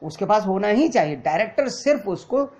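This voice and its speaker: A man's voice: sits high, big pitch swings, a little fast, darkish tone. A man teaching an acting class, explaining patiently and mixing English terms into his Hindi. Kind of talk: lecture. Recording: dull lo-fi recording.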